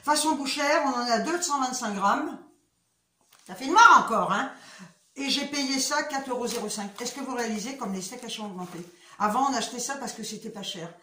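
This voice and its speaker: A woman's voice: on the high side, brisk, bright, forceful tone, a little hiss or hum. Chatty swearing woman, echoey room. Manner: chatty, swears freely, retells conversations. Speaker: vlogger. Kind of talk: casual chat to viewers.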